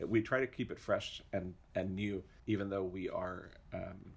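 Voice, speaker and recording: Low, husky-voiced man chatting about opera. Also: fairly even intonation, unhurried. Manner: chatty, enthusiastic, frequent fillers and restarts. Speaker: opera education director. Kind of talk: casual podcast interview.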